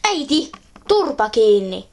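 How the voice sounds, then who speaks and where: A woman's voice: fairly high pitch, sing-song, darkish tone. A woman voicing a sulky, snappish teen girl pet toy in a homemade toy video.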